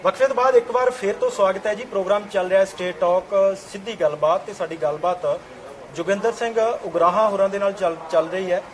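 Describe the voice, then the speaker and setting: A man hosting a TV interview show, presenting in a measured way with small hesitations. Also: high-pitched, soft background music, poor audio. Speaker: TV talk show host.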